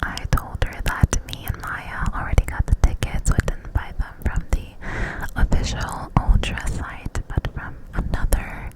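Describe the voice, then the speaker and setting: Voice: a little slow, rough recording. A person telling a casual story in an ASMR ramble, in a close-up cupped-hand whisper right at the mic. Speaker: ASMR creator.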